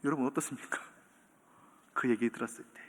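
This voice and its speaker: A man, preaching a sermon as pastor in animated storytelling style, acting out quotes and chuckling. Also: mid-range voice, brisk, breathy edge. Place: church sanctuary. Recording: long church hall reverb.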